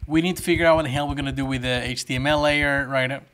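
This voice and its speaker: A man chatting casually to viewers on a live coding stream, excitable and quick to swear. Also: mid-range voice, a little hiss or hum. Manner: excitable, swearing, shouts when thrilled. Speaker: livestreaming programmer.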